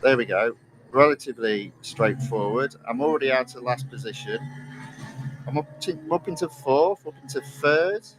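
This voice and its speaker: A man's voice: medium pitch, normal speed, background noise. A middle-aged man from England, chatting casually with many ums while live-streaming a racing game. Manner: relaxed, chatty, many ums and uhs, reads chat aloud. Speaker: gaming streamer.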